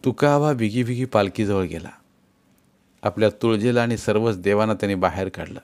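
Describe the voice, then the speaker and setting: A man narrating a story in a measured, steady storytelling manner. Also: fairly low pitch. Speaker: audiobook narrator.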